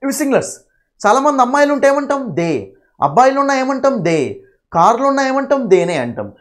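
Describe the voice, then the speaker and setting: A man's voice: very high voice, sing-song, quick pace. A man with a Telugu accent teaching English grammar in a classroom lecture, asking his students questions and then answering them himself, with a lot of repetition.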